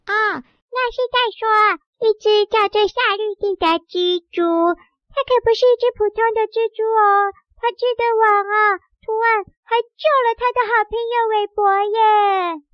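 Cartoon spider kid, small and eager, shrill and whiny; dry, slightly dull sound. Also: steady tone, normal speed, dry recording. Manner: childlike, squeaky, wailing. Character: small boy spider, eager, wants to weave webs.

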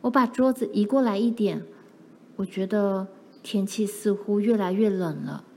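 A woman voicing a pioneer mother who talks in a light, brisk, reassuring way. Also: medium pitch, dark tone, slight background noise, natural voice.

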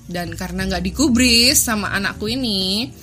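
A woman's voice: mid-range voice, moderate pace, pushed and bright, soft background music. Chatty woman telling a parenting story. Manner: chatty, retells scenes with quoted dialogue. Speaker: podcast host. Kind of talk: casual storytelling podcast.

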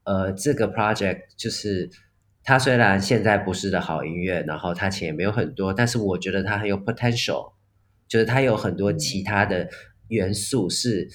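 A man's voice: deep voice, moderate pace. A man who is a guest jazz composer and performer on a podcast, speaking hesitantly with restarts and mixing in English words. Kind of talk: casual podcast interview.

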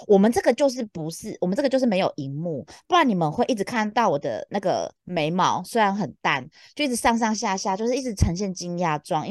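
A woman with a Taiwanese accent co-hosting a podcast in casual chat, expressive and often exclaiming in amazement. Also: lowish voice, no room sound, studio quality. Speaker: podcast co-host.

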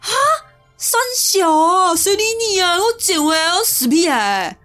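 A woman voicing a stubborn, hot-tempered elder brother, gruff and scolding. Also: medium pitch, expressive, racing, soft background music, close to an everyday voice. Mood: furious.

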